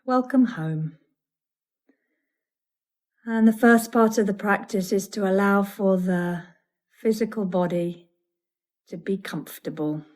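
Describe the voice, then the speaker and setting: Her mid-range voice has a slightly dark tone as she takes students through a yoga nidra meditation. The teacher stays soothing and deliberate, pausing between each measured phrase.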